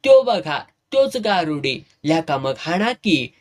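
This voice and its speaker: Man doing a furious rough villager, loud and higher. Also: unhurried. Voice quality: shouting, coarse.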